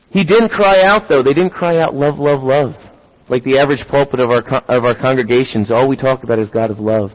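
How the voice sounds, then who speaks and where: A man's voice: mid-range voice, dull audio. A man preaching a sermon, talking through rhetorical questions and building to emphatic, rising points.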